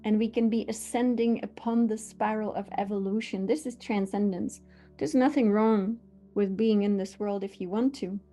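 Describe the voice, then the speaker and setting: Mellow-voiced woman teaching spirituality. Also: medium pitch, fairly even intonation, soft background music. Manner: earnest, unhurried, devotional.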